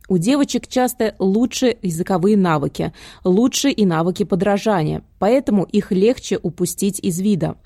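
A woman's voice: mid-range voice, warm tone, no echo, studio quality. A woman reading scripted narration for a news report as a reporter. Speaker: radio reporter.

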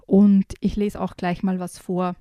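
A woman's voice: mid-range voice, little pitch movement, unhurried, dry recording, muffled recording. A woman co-hosting a casual book review chat, enthusiastic and reading stories aloud. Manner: warmly enthusiastic, reads aloud.

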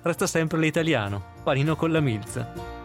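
Higher-pitched Italian male podcast host. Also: expressive, normal speed, over music. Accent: Italian, not Sicilian. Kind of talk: scripted narration and conversational interviewing.

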